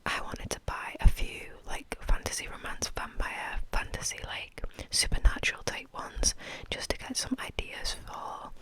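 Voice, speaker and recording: A woman's voice: unhurried, few pauses, poor audio. Whispering woman reading for ASMR. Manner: soft unvoiced whispering throughout. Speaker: ASMR channel host.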